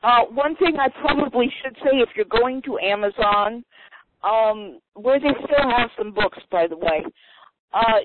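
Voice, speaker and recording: Woman author on a noisy phone line. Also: fairly high pitch. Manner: chatty, unhurried, thinking aloud. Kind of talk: casual talk on a phone call. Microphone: telephone. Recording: tinny phone line with noise.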